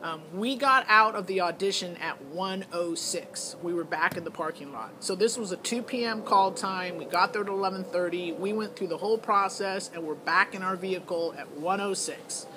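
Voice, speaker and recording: A middle-aged woman with a lowish voice reviews a singing show audition as a parent vlogger, rambling casually and thinking aloud in a hesitant, matter-of-fact way. She talks at normal speed with hardly any pauses, and there is background noise.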